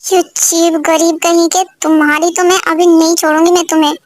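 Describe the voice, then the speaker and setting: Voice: extremely high pitch, flat delivery, moderate pace, no echo. A storyteller voicing a rude, spoiled rich young woman who scolds in a haughty, scornful way. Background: background music.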